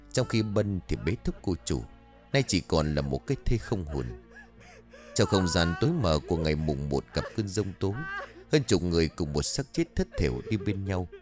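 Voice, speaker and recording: Expressive male storyteller, low voice. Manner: expressive, animated reading. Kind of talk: dramatic story narration.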